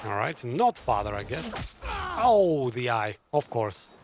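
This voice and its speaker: A gaming streamer with a mid-range voice gives casual, very animated live commentary at a slow pace, musing aloud and chatting with his viewers. Game music plays behind him, along with some background noise.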